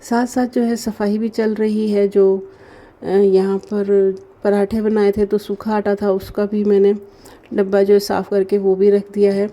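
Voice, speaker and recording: A woman, narrating her daily routine vlog slowly and gently because of a sore throat. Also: mid-range voice, level tone. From Pakistan. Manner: slow, gentle and chatty, with many fillers. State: sore throat, speaking softly. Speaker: vlogger. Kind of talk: casual voice-over narration.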